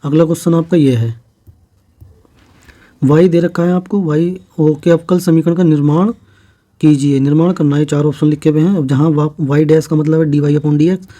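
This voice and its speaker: A man's voice: a little high, moderate pace. A man teaching a maths lesson for exam preparation, explaining each step plainly and checking in often. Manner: steady step-by-step explaining with frequent "theek hai" checks.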